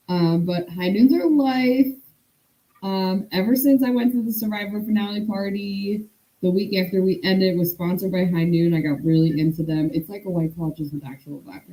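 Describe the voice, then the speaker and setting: A woman's voice: mid-range voice, dark tone. A woman co-hosting a podcast in laid-back chat with frequent laughs, her voice hollow and distant as if she were speaking from inside a well through a poor microphone. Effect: hollow distant sound, as if inside a well. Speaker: podcast co-host. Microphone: poor webcam or laptop microphone.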